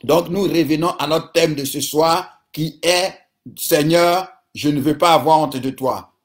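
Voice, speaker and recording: A man's voice: a little high, unhurried. A man preaching a sermon and leading prayer, fervent, with repeated declarations and frequent interjections.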